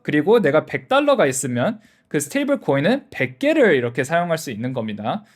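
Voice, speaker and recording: A man's voice: fairly high pitch, very animated, a little fast. A man from South Korea hosting a casual explainer, going step by step with simple examples and rhetorical questions. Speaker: explainer video host.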